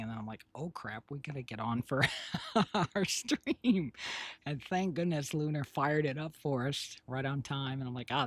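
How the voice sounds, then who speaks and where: A man, a streamer and developer, chats casually on a live stream in a raspy, husky voice that sounds hoarse today. He rambles at a mid pitch, full of fillers and restarts. The recording is dry.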